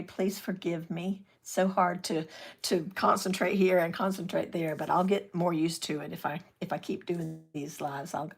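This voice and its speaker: An older woman with a low, gravelly voice, chatting casually through a live craft demonstration. She works at her table and reads out viewer comments as they come in. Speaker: craft channel host.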